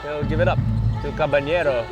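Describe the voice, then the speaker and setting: Higher-voiced man calling basketball over music. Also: steady tone, brisk. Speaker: play-by-play sports commentator. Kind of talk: live basketball commentary. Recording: thin band-limited sound, loud background music.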